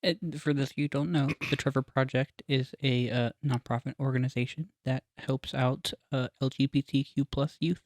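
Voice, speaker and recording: A man co-hosting a podcast in relaxed, casual conversation with friends. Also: mid-range voice, normal speed, hardly any pauses, dry recording. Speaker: podcast co-host. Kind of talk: casual group banter.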